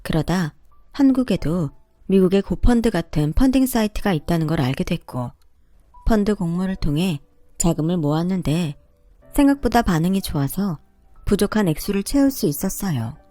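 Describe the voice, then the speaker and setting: A woman narrating a first-person story in a calm, conversational storytelling manner. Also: lowish voice, normal speed, no room sound, soft background music.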